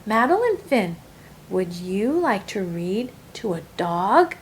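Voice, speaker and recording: A woman's voice: mid-range voice, big pitch swings, slow, a little hiss or hum. Woman as kindly, encouraging lady librarian. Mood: inviting. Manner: encouraging, inviting.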